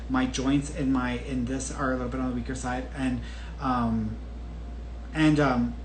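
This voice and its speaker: A podcast host in his thirties answers a viewer's question solo, casual and candid, chatting with frequent restarts and laughs. His medium-pitched voice is flat and a little slow, recorded in an echoey room with faint background noise.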